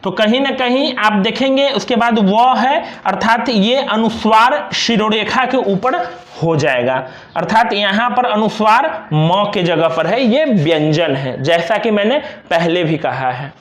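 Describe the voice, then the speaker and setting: A young man teaching a grammar lesson, slowly and patiently repeating each example word. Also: high-pitched, animated, a bit bright, echoey room. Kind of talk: classroom lesson explaining examples on a board.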